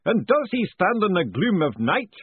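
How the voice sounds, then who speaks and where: A man voicing a solemn male master of a secret rite who booms slow ceremonial commands. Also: big pitch swings, slightly rough, dry recording, narrow, tinny audio, full character voice.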